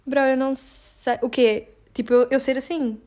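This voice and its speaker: A woman's voice: high voice, steady tone, normal speed, darkish tone. Blunt woman. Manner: blunt, frank, constant filler words. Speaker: interviewee. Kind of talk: casual interview.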